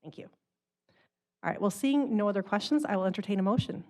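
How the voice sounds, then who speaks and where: A woman's voice: mid-range voice, darkish tone. Woman chairing a city council meeting. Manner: brisk procedural announcing. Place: council chamber.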